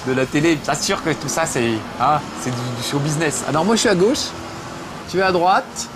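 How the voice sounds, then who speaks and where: A man with a slightly high voice and a moderate pace hosts a game show against a noisy background. He chats playfully as he plays, cracking jokes at his own expense and using many fillers.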